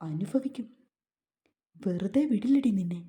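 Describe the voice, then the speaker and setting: A woman's voice: medium pitch, expressive, unhurried, mellow, lightly acted. A woman voicing a cruel, resentful young husband who speaks in a harsh, taunting, menacing way. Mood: contemptuous.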